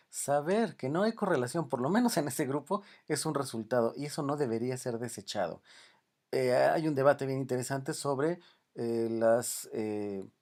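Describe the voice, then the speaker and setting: A man giving an unscripted lecture on research methods, often pausing with "eh" and ending points with a questioning "¿no?". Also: medium pitch, a little mellow. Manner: unscripted, many "eh" fillers and "¿no?" tags. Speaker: university lecturer. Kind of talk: recorded lecture.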